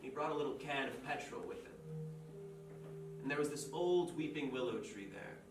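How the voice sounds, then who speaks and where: An actor playing a writer who tells a dark fairy tale aloud in a measured, deliberate way, in a stage play. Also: male voice, mid-range voice, lively intonation, vocal fry. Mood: somber storytelling. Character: grim storyteller telling a dark fairy tale. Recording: echoey stage from far off, with music.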